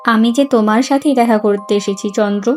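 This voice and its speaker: A man's voice: high voice, brisk, soft background music, voice pushed up, close to an everyday voice. A man voicing a young village woman who speaks coldly and dismissively in a cartoon. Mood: pleading. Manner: sharp, dismissive, then pleading. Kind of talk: cartoon voice acting.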